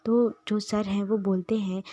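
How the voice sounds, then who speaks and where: A woman retells a fan-fiction romance in a hushed, breathy half-whisper, often stopping to restart a phrase. Her tone is mellow and dark. The sound is dry and close, as in a quiet room. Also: mid-range voice, little pitch movement, unhurried, no echo, lo-fi sound. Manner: soft half-whispered narration with frequent restarts. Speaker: storyteller. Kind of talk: casual fan-fiction storytelling.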